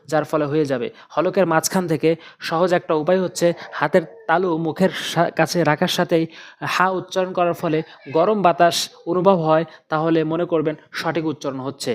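A man teaching Quran letter pronunciation, explaining rules and slowly drilling each syllable with patient repetition. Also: on the high side. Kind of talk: slow spoken lesson with drilled recitation.

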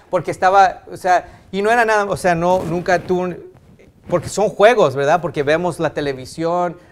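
A man's voice: fairly high pitch, clear, resonant tone. A middle-aged male pastor preaching a sermon, emphatic and repetitive, slipping into conversational family stories. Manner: retells family anecdotes in conversational tone.

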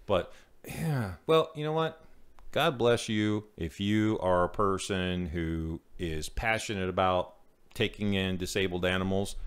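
A man's voice: low-pitched, fairly bright tone. A middle-aged man, co-hosting a casual podcast and talking through a biscuit recipe with jokes and apologies. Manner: rambling, joking, says sorry a lot. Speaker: podcast co-host. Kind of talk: casual chat and recipe talk.

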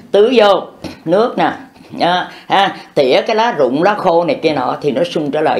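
An older man giving an improvised Buddhist dharma talk, folksy and scolding, acting out bits of everyday dialogue. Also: high-pitched. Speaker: Buddhist monk teacher.

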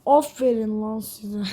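A woman's voice: medium pitch, takes it slowly, dark tone. A young woman casually commenting while she plays a mobile game, chatty, laughing often and exclaiming when things go wrong. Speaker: gameplay video host.

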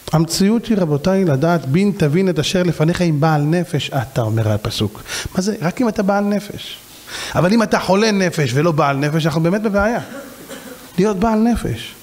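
A rabbi delivers an animated sermon to his listeners. His fairly high voice swoops up and down as he fires off rhetorical questions and acts out little scenes. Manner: animated preaching with rhetorical questions and acted-out quotes.

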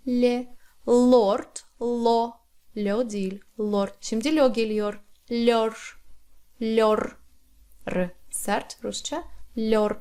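A woman teaching a pronunciation lesson, saying each word slowly and repeating it for the learner. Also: mid-range voice, darkish tone. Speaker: Russian language teacher.

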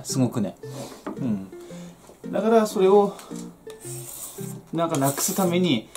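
With a warm, slightly high voice, a man who grows vegetables at home chats in a folksy way, explaining what he's doing as he works with his hands. Plucked guitar plays in the background of his small, cluttered indoor shed or workroom, making it a casual how-to talk.

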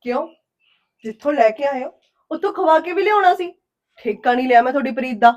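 A woman's voice: sits high, animated, quick pace, muffled recording. A woman playing a tearful betrayed wife. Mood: bitter. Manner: pleading, sharp-tongued toward husband. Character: young wife betrayed by husband, hurt and bitter. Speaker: wronged first wife.

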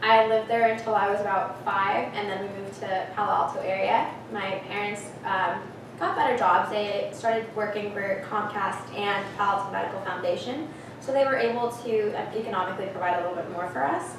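A woman's voice: medium pitch, fairly even intonation, fairly quick, very echoey, background noise. A young woman from Peru giving a class presentation, earnest, with frequent ums and restarts, heard from a far camera in a classroom. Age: late teens. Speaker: student presenter. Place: classroom with projector screen.

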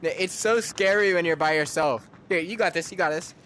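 A young man giving casual commentary while playing a game with a friend, jumpy, swinging from hushed mutters to shrieking laughter. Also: fairly high pitch, normal speed, a little hiss or hum.

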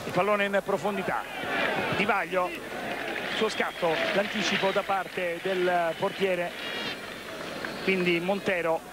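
A man's voice: high-pitched, fairly even intonation, slow pace, pauses often. A man calling a football match live, naming players in clipped phrases. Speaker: play-by-play football commentator. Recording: loud stadium noise behind. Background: stadium crowd and ambience.

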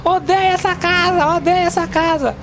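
A man's voice: very high voice, steady tone, moderate pace, music in the background, pitched above the performer's own voice. A man with a Brazilian Portuguese accent voicing a moody teenage boy who complains about everything. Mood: sulky. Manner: whiny, complaining. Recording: noisy game audio behind.

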